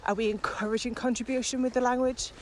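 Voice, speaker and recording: A woman with a slightly high voice talks quickly as she walks along a muddy outdoor path, co-hosting a podcast. She's a virtual training coach and chats casually, animated and enthusiastic about the subject. Outdoor background noise and faint traffic can be heard.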